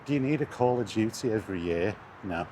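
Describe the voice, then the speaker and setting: A British man, a gaming vlogger out walking alongside traffic, rants bluntly and scornfully with casual swearing as street and vehicle noise carry through. He sounds animated, on the low side, and talks fairly quickly.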